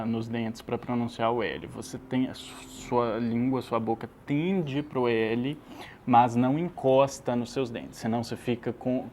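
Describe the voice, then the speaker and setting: A man's voice: mid-range voice, darkish tone, slight background noise, poor audio. A man teaching an English lesson, explaining patiently and checking that his student follows.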